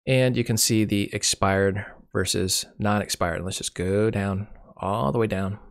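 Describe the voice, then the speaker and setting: Unhurried and steady in tone, a Michigan channel host with a lowish voice and vocal fry casually walks through a screen share off the cuff. He has a cold and is losing his voice, corrects himself as he goes, and keeps a dry humor.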